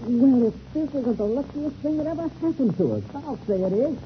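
An actor playing an eager, earnest young pilot hero in a 1930s radio adventure serial. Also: male voice, extremely high pitch, expressive, moderate pace. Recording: tinny, noisy old radio recording.

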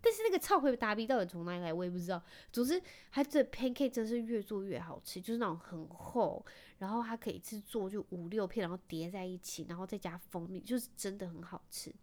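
Fast-talking Taiwanese-accented woman. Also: medium pitch, expressive, darkish tone. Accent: Taiwanese Mandarin. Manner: chatty, wry, self-mocking, mixes in English words. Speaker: podcast host, mother. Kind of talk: casual storytelling chat.

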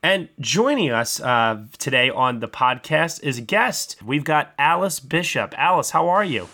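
A man's voice: a little high, animated, unhurried, pushed and bright. A man hosting a film podcast in a casual, upbeat way, introducing his guests. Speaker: podcast host.

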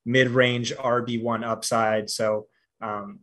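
Man talking fantasy football, halting. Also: medium pitch, flat delivery, fairly bright tone. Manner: frequent fillers and repeated starts, confident opinions. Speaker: fantasy football analyst guest. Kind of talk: casual podcast discussion.

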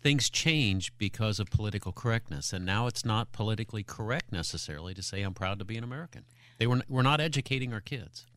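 Low-pitched, folksy man on radio. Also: lively intonation, quick pace, fairly bright tone, no echo. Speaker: radio show co-host and interviewer. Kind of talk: informal radio interview and chat.

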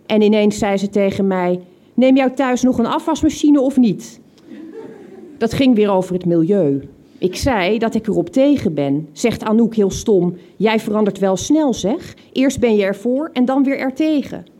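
Mellow-voiced woman reading her old diary. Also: mid-range voice, moderate pace. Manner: reflective reading with occasional amused laughs at her old entries. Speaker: reader of her own teenage diary. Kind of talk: reading diary entries aloud.

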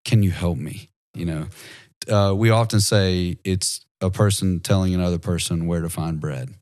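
A man co-hosting a podcast, speaking in a measured, thoughtful way in casual conversation. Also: deep voice, fairly even intonation, darkish tone, no room sound, studio quality.

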